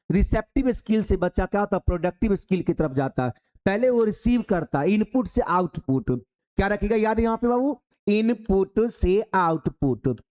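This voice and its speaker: A man with a high voice teaches an exam-prep lesson in Hindi. His speech is chatty and colloquial, and he calls his listeners "babu." He keeps asking the class questions and then answering them himself. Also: a little mellow.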